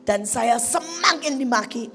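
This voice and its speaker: A middle-aged woman evangelist preaching a sermon, swinging between loud exclamations and hushed asides. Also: fairly high pitch, expressive, unhurried. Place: large church hall. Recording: large hall reverb with music behind.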